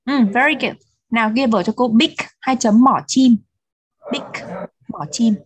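A woman's voice: on the high side, husky. A woman teaching English words to children, modelling each word for repetition and praising answers. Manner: models words slowly for repetition, patient and encouraging. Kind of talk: children's English vocabulary drill.

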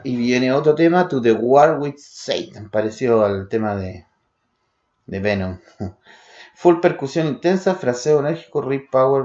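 A man's voice: mid-range voice, a little mellow, echoey room, dull audio. A man from Chile reviewing old metal demos, calling out riffs and drums in short word lists. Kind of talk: spoken demo review over music.

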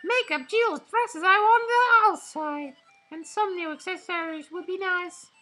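A squeaky, shrill young village girl, put on by a man, whining greedily for finery in a high, far-off-sounding voice. She pushes her demands out loudly. A faint music bed runs behind her. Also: normal speed. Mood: greedy.

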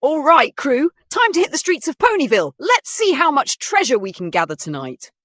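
Woman playing a male pony pirate captain, boastful, hammy, high and loud, storybook reading. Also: wildly swooping pitch, moderate pace, dry recording, clean studio sound, full character voice. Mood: hearty.

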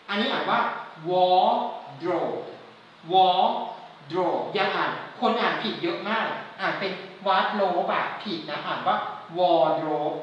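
A woman from Thailand teaching an English lesson, patiently explaining words and slowly spelling them out. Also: fairly low pitch, fairly bright tone, highs cut off, slight background noise. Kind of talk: classroom lesson. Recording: echoey room, mic at a distance.

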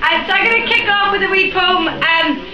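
A young Northern Irish woman performs spoken word poetry at a library event room, chatting and joking between her rhyming verses after a light introduction. Her voice is very high and a little fast, with a crowd audible in the background. The recording sounds roomy, distant, and dull.

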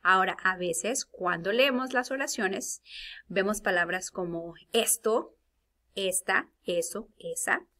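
A woman's voice: medium pitch, slow pace, sharp tone. A woman teacher talking students through a lesson and acting out example sentences with big, exclaimed readings. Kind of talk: recorded classroom lesson.

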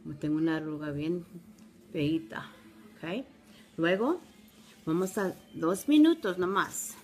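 A middle-aged woman with gives a casual, halting step-by-step product demo, recorded on a phone at arm's length at home. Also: medium pitch, darkish tone, a little hiss or hum. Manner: halting, simple step-by-step instruction. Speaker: product demonstrator. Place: small room at home, indoors.

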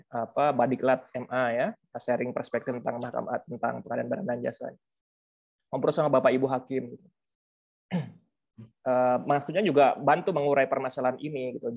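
Through a video call microphone, a researcher and author speaking as a webinar guest explains his views conversationally, leaning often on fillers and rhetorical tags. His voice is mid-range and the recording sounds muffled.

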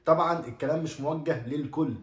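A man in his thirties with an Egyptian Arabic accent, hosting a joking casual chat in a living room. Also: fairly high pitch. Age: 30s. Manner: animated, joking, rapid. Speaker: channel host. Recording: roomy, from the mic.

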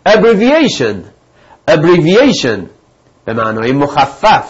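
A man's voice: mid-range voice, breathy edge, dull audio. A male teacher giving a recorded vocabulary lesson, reading each word twice before explaining it and speaking directly to his students. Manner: reads each word twice, then gives its meaning; encouraging, addresses students directly. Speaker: English teacher.

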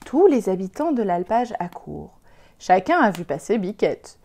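A woman tells a children's story aloud, gentle and clear. Her voice is mellow and warm, at an ordinary middle pitch. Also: big pitch swings, moderate pace.

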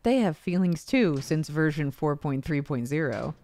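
Animated woman streaming games. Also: low-pitched, moderate pace. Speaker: game streamer, voice actor. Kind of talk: casual livestream game commentary.

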